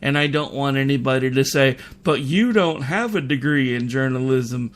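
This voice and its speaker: A man's voice: medium pitch, moderate pace. A man hosting talk radio in a casual, joking, informal way.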